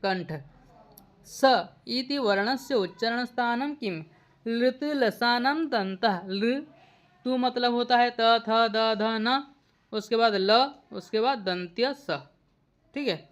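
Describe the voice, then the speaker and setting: A woman's voice: a little high, slow. A woman teacher, patiently explaining exam answers and asking the class questions before giving each answer. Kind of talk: exam question walkthrough lesson.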